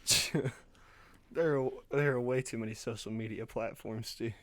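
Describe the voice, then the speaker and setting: A man's voice: medium pitch, fairly even intonation, normal speed, a bit bright, no echo. A man in his late twenties co-hosting a podcast in casual chat, laid-back and jokey, laughing often and swearing. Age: late 20s. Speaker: podcast co-host.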